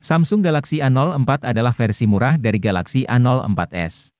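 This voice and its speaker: Music plays in the background while a man with an Indonesian accent voices a scripted gadget review close to the microphone, formal and informative. His mid-range voice moves a little fast. The audio sounds dull.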